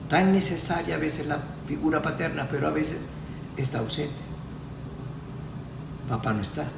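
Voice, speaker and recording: A man's voice: fairly high pitch, gravelly, roomy sound, distant mic, background noise. A man preaching a sermon as pastor, reciting song lyrics with feeling, in a church. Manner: recites song lyrics dramatically, voicing father and son.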